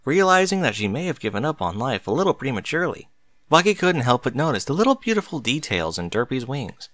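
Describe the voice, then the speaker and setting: Expressively, a man narrates a scripted story, his pitch shifting a lot from phrase to phrase. His voice is a bit bright, and the recording is dry, with hardly any room and no room sound.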